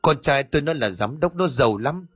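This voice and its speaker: A desperate old sorcerer pleads in a raised, husky voice, as a male storyteller puts him on. The telling is dry and close, in an audiobook. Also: fairly high pitch, expressive, fairly quick, a bit bright, no room sound. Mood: pleading.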